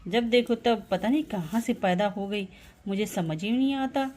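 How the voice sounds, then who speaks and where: A woman's voice: medium pitch, normal speed, warm tone, voice pushed down, natural voice. A woman voicing a harsh village mother who scolds her daughters and dotes on her son, nagging and insulting them. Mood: scolding.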